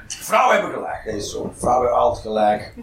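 Animated male stand-up comic. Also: medium pitch, fast, creaky, crowd noise. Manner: blunt, profane, animated. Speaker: stand-up comedian. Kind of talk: stand-up comedy routine. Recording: echoey, distant, noisy live recording.

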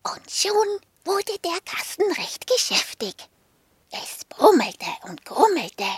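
Soft half-whispering woman storyteller. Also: very high-pitched, very animated, slow pace, very noisy. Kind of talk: children's story reading.

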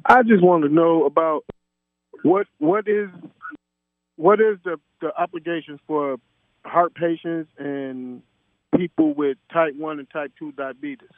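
Male radio caller, somewhat high voice, hesitant, phone-line sound, dry, off-mic. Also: no echo. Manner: hesitant, halting questions. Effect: heard over a telephone line.

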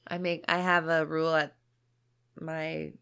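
A woman co-hosts a laid-back podcast chat. Her voice is low-set with a gravelly fry, and she tells stories with a laugh never far away. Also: little pitch movement, a little slow, a bit bright. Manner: chatty storyteller, laughs often. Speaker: podcast co-host. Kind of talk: casual chat.

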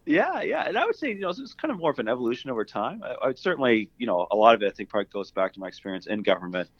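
A middle-aged Canadian man, a university pharmacy dean appearing as a guest, answers interview questions in a rambling, conversational way, full of "you know" and "kind of." His medium-pitched voice is very animated and rapid-fire, with no echo, on a dull, lo-fi track.

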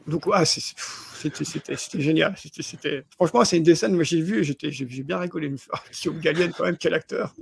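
Gravelly, fairly high-pitched man, casual film review chat, stumbling repeats. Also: fairly quick, hardly any pauses, dry recording. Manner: stumbling, repeats words often, chuckles while talking. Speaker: podcast co-host reviewing films.

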